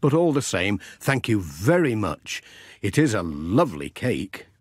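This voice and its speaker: A man's voice: on the low side, a little slow, slightly rough, dry recording, clean studio sound, exaggerated voice. A man voicing a cheerful, mildly puzzled village postman in a children's storybook. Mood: grateful. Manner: friendly, mildly puzzled, animated.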